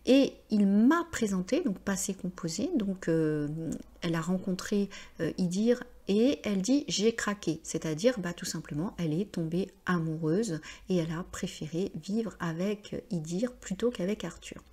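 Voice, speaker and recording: A woman giving a patient language lesson, explaining step by step and often pausing with hesitations. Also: fairly low pitch, expressive, dark tone. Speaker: French teacher.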